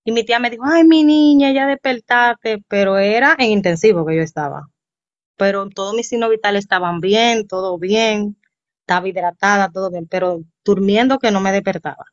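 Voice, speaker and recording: Woman, 40s, animated storyteller guest, dry muffled recording. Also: medium pitch, a little fast, no echo. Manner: animated, acts out quoted voices. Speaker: interview guest. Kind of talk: storytelling in casual chat. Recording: dull, slightly muffled sound.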